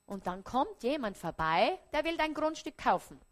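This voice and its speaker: A woman with an Austrian accent, preaching a parable on stage before an audience, often dropping to a hushed, quiet voice. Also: high-pitched, big pitch swings, normal speed. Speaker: stage speaker.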